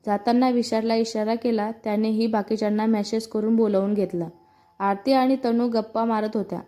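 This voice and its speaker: High, mellow woman storyteller. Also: fairly even intonation, moderate pace. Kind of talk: scripted story narration.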